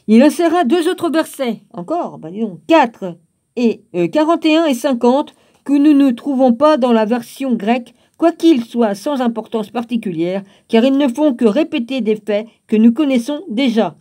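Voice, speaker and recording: Woman, reads aloud from a book, wry asides, warm fairly high voice. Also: normal speed. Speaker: reader of a book.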